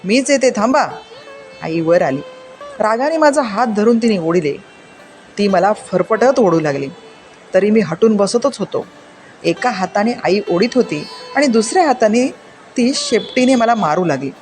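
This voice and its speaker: Children's storyteller, expressive and measured, mid-pitched, faint music bed.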